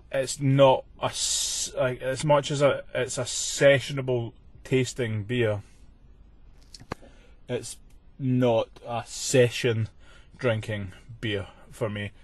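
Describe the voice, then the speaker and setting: A man's voice: medium pitch, fairly even intonation, takes it slowly, no echo. Casual man hosting a podcast, dry recording. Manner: informal, chatty. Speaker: podcast host and beer reviewer. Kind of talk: casual podcast beer review.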